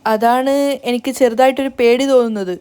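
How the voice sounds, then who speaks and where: A woman's voice: on the high side, steady tone, fairly quick, warm tone, clear, resonant tone, lightly acted. A woman reading a grave doctor.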